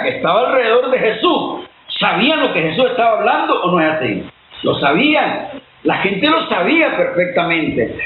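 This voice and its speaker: A man preaching a sermon-style Bible teaching, emphatic and often firing questions at his listeners. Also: sits high. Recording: tinny phone-like line, echoey, faint hiss.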